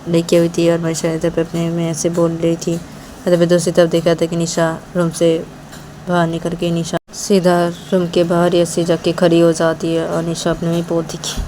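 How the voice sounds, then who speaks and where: A woman's voice: fairly low pitch, completely flat delivery, moderate pace, warm tone, a little hiss or hum. A woman narrating a romantic story informally, in long run-on sentences joined by "and then". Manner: plain, run-on retelling with many "and then".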